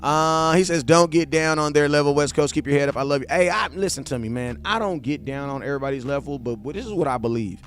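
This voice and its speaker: Talking fast with few pauses, this man has a voice on the high side, and faint music runs underneath. He's a live streamer in his 40s who hosts as a sports fan, casually reading comments in slangy talk, addressing viewers directly, and hammering points through repetition.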